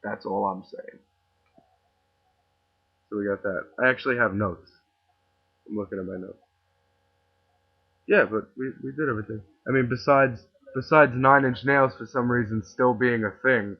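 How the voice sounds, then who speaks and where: This podcast host from New York City has a mid-range voice, a moderate pace, and frequent pauses, with a New York accent throughout. His casual monologue is a sarcastic, opinionated rant full of rambling and restarts, recorded with thin, phone-like sound.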